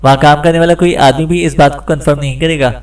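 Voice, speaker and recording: Brief: narrator doing a scared male gangster, halting and stuttering, set back from the mic. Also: fairly high pitch, steady tone, clean tone, recorded from a distance, lightly acted. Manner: stammering, hesitant. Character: frightened captured male gang section chief.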